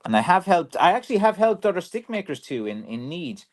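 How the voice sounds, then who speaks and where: A man's voice: high-pitched, big pitch swings, a little fast. An Irish man talks loosely and at length on a livestream, drifting from one thought to the next. His sentences restart often and are padded with easy fillers. He sounds like a craftsman chatting freely with his viewers. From Ireland. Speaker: professional stick maker. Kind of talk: casual livestream chat reading viewer comments.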